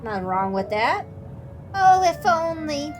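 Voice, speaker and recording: A woman's voice: high voice, big pitch swings, a little slow, soft background music. A woman giving casual, sarcastic let's-play commentary and swearing freely. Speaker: gameplay commentator.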